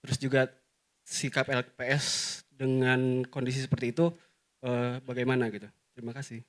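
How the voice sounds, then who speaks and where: Reporter guy asking a long question, lots of uh pauses, flat even tone. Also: mid-range voice. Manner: hesitant, many filler pauses. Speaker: newspaper reporter. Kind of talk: asking questions at a press conference.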